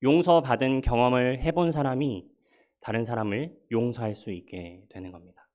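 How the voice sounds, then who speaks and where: A man's voice: mid-range voice, normal speed, darkish tone. A middle-aged male pastor giving a sermon in a conversational, humorous and persuasive way.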